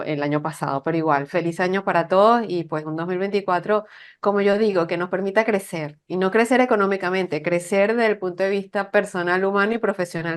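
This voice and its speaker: A woman's voice: medium pitch, clear, resonant tone. Venezuelan woman explaining her work. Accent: Venezuelan Spanish. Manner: explanatory, with frequent "¿no?" and "¿sí?" tags. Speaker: guest, business consultant. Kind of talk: conversational interview.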